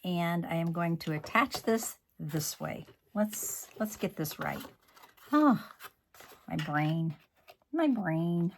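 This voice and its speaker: Slow, gravelly man teaching card-making. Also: on the high side, a little hiss or hum. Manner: chatty, scolds himself and mutters asides. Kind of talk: crafting tutorial.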